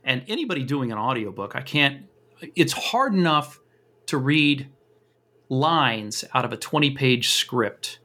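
A man's voice: medium pitch, lively intonation, measured pace, sharp tone. A man speaking modestly as a podcast guest in casual chat.

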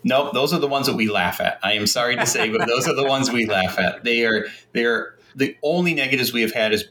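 A man's voice: medium pitch, a little fast, pushed and bright. A man talking as a podcast guest in casual chat, rambling with many fillers.

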